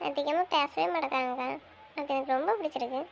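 A young woman acting a naive, earnest girl who pleads softly about a crush in an amateur drama. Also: high voice, fairly even intonation, fast talker, creaky, slight background noise. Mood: pleading.

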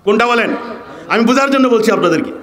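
A Bangladeshi man with a Bengali accent preaching a sermon to a large gathering, firing rhetorical questions at the crowd and often shouting. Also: very high-pitched, expressive, rapid-fire. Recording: echoey public-address sound.

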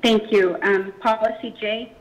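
A woman's voice: medium pitch, fairly even intonation, unhurried. A woman on a board meeting call whose phone connection keeps breaking up. She presents a policy hesitantly, with many fillers. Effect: choppy, breaking-up phone connection. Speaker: school board member. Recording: muffled phone call with faint noise.

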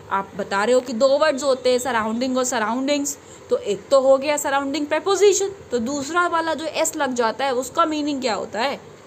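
A young woman with a high voice teaches an English grammar lesson, explaining patiently, reading example sentences slowly, and often checking that her students follow. There's slight background noise.

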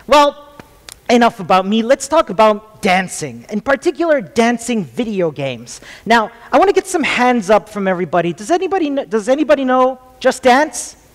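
Chilean guy in his 30s giving a jokey tech talk, higher voice, lots of ums, big echoey theatre. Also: very animated, normal speed. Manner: jokey, chatty, many ums. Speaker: conference speaker. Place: large theatre stage. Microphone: headset mic. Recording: long hall reverb.

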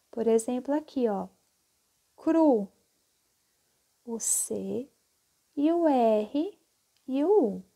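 Lady teacher, slow and patient, kinda high but mellow voice, goes over each step again. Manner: slow, patient, repeats steps with "tá?". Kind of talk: classroom lesson explaining exercises.

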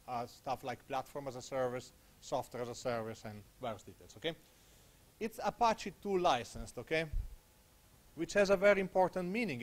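Speaking into a handheld microphone in a small room, a man from Italy in his thirties presents a technical talk at a conference. His pitch is medium and his Italian accent is clear. The tone is relaxed and chatty, with frequent "okay?" check-ins.

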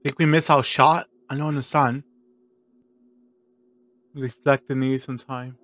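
A man's voice: mid-range voice, steady tone, a little slow, a bit bright. A man doing casual, slangy gameplay commentary, talking to the characters on a close microphone. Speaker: gaming streamer.

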